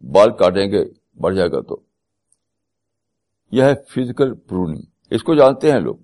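Lowish-voiced man giving a spiritual talk. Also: very animated, a little mellow. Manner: repeats key phrases for emphasis; mixes English terms into his speech. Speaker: religious speaker.

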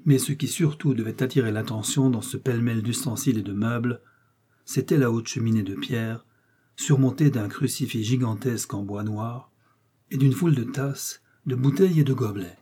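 A male audiobook reader narrating a nineteenth-century story at a measured, descriptive pace. His voice is dark and mellow, with a husky, slightly breathy grain. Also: mid-range voice. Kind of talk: scripted narration of a 19th-century short story.

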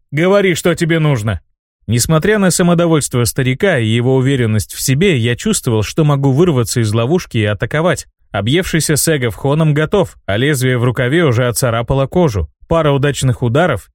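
A man's voice: medium pitch, dry recording. Male audiobook reader, dry close sound. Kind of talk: first-person scripted narration.

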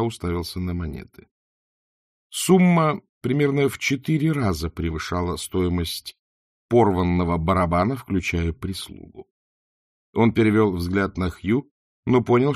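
A man narrating a storybook with a low, husky voice that rises and falls widely. The sound is dry and close. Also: no room sound. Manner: expressive storytelling. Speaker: audiobook narrator. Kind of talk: scripted narration.

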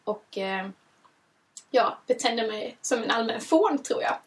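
A woman's voice: a little high, animated, recorded from a distance. A woman co-hosting a casual podcast chat, telling stories with many fillers. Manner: chatty storyteller, many fillers. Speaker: podcast co-host.

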